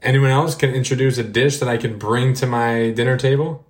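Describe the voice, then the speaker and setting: A man's voice: medium pitch, fairly even intonation, a little fast. A man hosting a podcast interview, asking questions and affirming his guests' answers in an encouraging way. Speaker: podcast host. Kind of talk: interview moderation.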